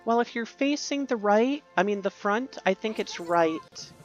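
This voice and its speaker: A woman's voice: medium pitch, lively intonation, a little slow, muffled recording, soft background music. A woman giving casual, rambling commentary while playing a video game, musing aloud and correcting herself. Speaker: gaming youtuber.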